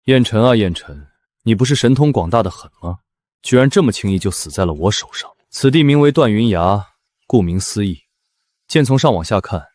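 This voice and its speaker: A low-pitched, dry voice of a scheming villain in a costume drama, played by an actor. He speaks slowly and theatrically, savouring each gloating line. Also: a little mellow, no echo, close to an everyday voice. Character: gloating, scheming man who thinks he killed a rival.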